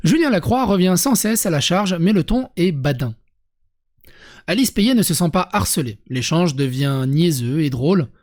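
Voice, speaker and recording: A streamer with a French accent reading an article aloud to viewers, breaking off for lively, sarcastic asides and restarts. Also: medium pitch, moderate pace. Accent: French (France).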